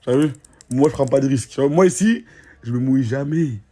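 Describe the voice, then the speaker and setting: A man's voice: medium pitch, brisk, warm tone. A man with a Marseille French accent, talking in casual slangy chat and teasing a friend with mock warnings. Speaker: vlogger.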